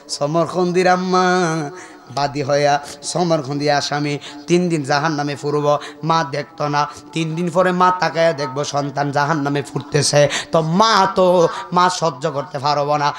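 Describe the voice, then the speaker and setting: High-voiced Sylheti Bengali preacher. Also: male voice. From Bangladesh. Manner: chanting, shouting, joking. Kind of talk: sermon.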